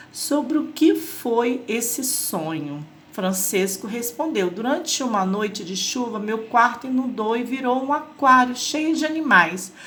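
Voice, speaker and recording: Brazilian female schoolteacher, patient explainer, slightly high pitch, light background hiss. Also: a bit bright. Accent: Brazilian Portuguese. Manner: patient, checks in with "tá?" and "né?". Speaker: teacher. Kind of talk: explanatory lesson for children.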